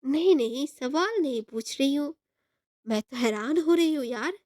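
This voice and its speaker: A woman voicing a young female friend who is loud, teasing and amazed. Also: high voice, animated, a little slow, no echo, clean studio sound.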